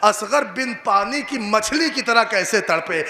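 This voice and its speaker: A Shia cleric with an Indian Urdu accent delivers a majlis address, an impassioned mourning sermon that climbs into sung, wailing lament at an outdoor gathering. His high-pitched voice is animated, pushed and bright. The live PA is echoey, with a crowd of mourners audible.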